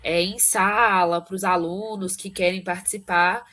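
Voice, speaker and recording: Uma mulher que media um clube do livro numa chamada de vídeo, convidando os outros a falar com cordialidade. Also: female voice, mid-range voice, steady tone, measured pace, sharp tone. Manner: friendly, inviting others to speak. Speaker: book club mediator. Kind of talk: casual meeting talk. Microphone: video call.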